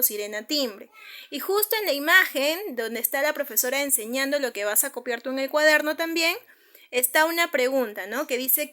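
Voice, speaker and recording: Bright high-voiced Peruvian woman teaching. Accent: Peruvian Spanish. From Peru. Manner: patient, addresses students directly with frequent tag questions. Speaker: secondary school teacher. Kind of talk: recorded online class explaining slides.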